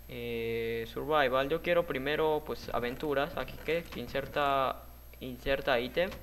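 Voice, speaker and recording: A man's voice: mid-range voice, fairly bright tone, slight background noise. A man hosting a gaming video, talking viewers through a parkour map in a chatty way and yelping and laughing when he falls. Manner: chatty, talks to viewers while playing; jumpy, yelps and laughs at his own falls. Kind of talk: let's-play gameplay commentary.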